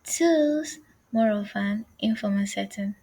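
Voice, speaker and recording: A woman teaching an online language lesson, speaking slowly and carefully and saying each phrase twice. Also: medium pitch, fairly even intonation, a little mellow, slightly rough, low-quality recording.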